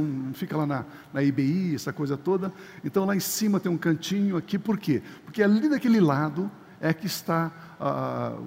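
Older male pastor, high voice, emphatic sermon delivery with repeated words, echoing church hall. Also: creaky, darkish tone. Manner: emphatic preaching, repeats key words, acts out church members. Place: church sanctuary.

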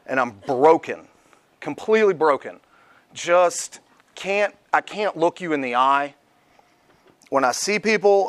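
A man's voice: a little high, fairly bright tone, no room sound. A man telling his recovery story at a twelve-step meeting in a candid, blunt, conversational way. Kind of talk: personal testimony talk.

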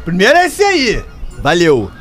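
A man's voice: sits high, huge pitch swings, measured pace, fairly bright tone. A male comedy host playfully mock-explaining slang in a sing-song way, over music. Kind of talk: comic bit on a comedy radio show.

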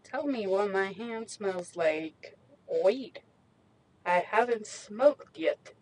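Slow, rambling young woman talking in her car. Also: medium pitch, a little mellow, low-quality recording. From Mexican heritage. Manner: slangy, rambling, self-mocking. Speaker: vlogger. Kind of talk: casual chat. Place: inside a small parked car. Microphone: handheld USB microphone.

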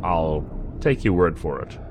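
A man's voice: low voice, animated, measured pace, noisy background. An actor playing a guarded, wary male federal agent in a science fiction audio drama, terse and curtly polite.

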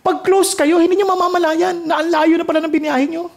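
A woman's voice: very high-pitched, steady tone, creaky, darkish tone. Earnest Filipino woman preaching. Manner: earnest, reads scripture slowly and rises to emotional peaks; mixes English and Tagalog freely. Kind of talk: sermon.

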